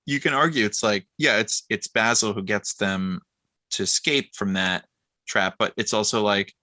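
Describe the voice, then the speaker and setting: Excited guy chatting about a movie, laughs a lot, dry room. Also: on the low side, normal speed, dry recording. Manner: excitable, laughs often, acts out quoted lines. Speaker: podcast co-host. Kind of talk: casual film chat.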